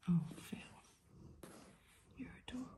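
A woman whispering and cooing in a pet vlog at home at night, recorded on a phone camera. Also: normal speed. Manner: soft whispering, cooing baby talk. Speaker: pet vlogger.

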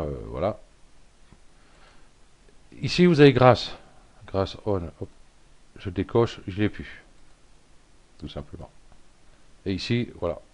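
A man giving a casual software tutorial, thinking aloud with lots of fillers and little self-deprecating asides. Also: low-pitched. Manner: rambling, thinks aloud with many fillers and "hop". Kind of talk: casual screen-recorded tutorial.

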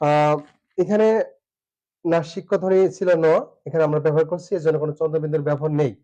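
A man with a Bangladeshi Bengali accent, teaching an online pronunciation lesson. He talks hesitantly, with many filler sounds, and spells out syllables slowly. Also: on the high side, fairly even intonation, mellow.

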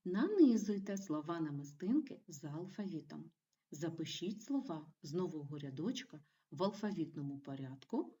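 A woman teaching a primary school video lesson, giving clear and encouraging instructions to young children. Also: sits low, very animated, normal speed, warm tone, recorded from a distance. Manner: clear, encouraging classroom delivery.

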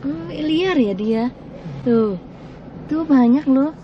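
A woman in the passenger seat throws in short exclamations about what she sees. Her voice is muffled, and road noise is clearly heard around it inside the moving car. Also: high voice, takes it slowly. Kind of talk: casual remarks from the passenger seat.

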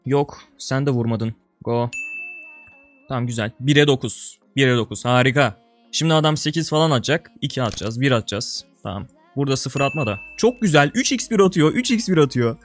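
A young video creator gives casual gameplay commentary, talking to viewers like a buddy in slang. He's expressive and a little fast, swinging between loud outbursts and low mutters, with faint music behind him.

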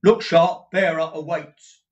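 A man voicing a put-upon male clerk who speaks loudly and bluntly, stammering as he goes. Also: a little high, fairly even intonation, takes it slowly, highs cut off, pitched above the performer's own voice.

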